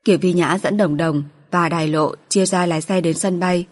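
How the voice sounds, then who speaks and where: A woman narrating an audiobook in an even, steady storytelling manner. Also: fairly low pitch, normal speed.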